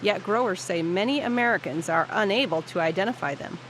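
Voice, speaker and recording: A reporter reading scripted news narration in a steady, measured way. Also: mid-range voice, a little hiss or hum.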